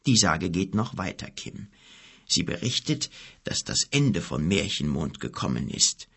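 A grave, weary old wizard, as an audiobook narrator puts him on. His voice is deep, husky and gravelly, dropping to a slow near-whisper. The delivery rises and falls widely, like a tale of doom told by a fire. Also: very animated, heavily acted. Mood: ominous. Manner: slow, low and hushed, half-whispered at times. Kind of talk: audiobook character reading.

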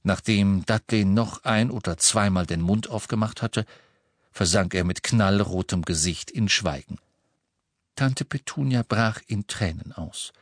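A man's voice: lowish voice, unhurried, no room sound. Man reading an audiobook, dry sound. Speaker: audiobook narrator. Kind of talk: scripted narration.

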